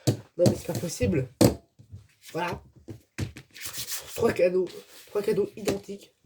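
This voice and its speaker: A woman vlogging as she opens an advent calendar, chatting casually and grumbling in exasperation, with laughs in between. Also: fairly low pitch. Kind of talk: casual unboxing chat. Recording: noisy with crinkling packaging. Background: clicks and crinkling wrappers.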